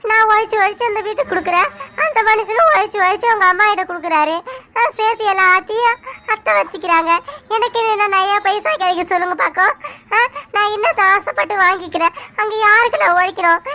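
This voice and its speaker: Actress as a fed-up young wife in a family drama, high bright voice, complaining and refusing. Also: female voice, a little fast, a little hiss or hum, heavily acted. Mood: indignant. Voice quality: complaining, indignant. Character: aggrieved young daughter-in-law, stubborn. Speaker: actor. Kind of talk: Tamil family drama acting.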